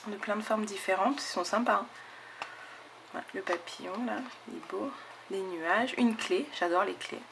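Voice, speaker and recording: Talking at normal speed in a gravelly, mid-range voice, a woman who hosts a scrapbooking channel eagerly presents crafts she got in the mail. The chat with viewers is casual and enthusiastic, full of fillers and "hop", with background noise behind her.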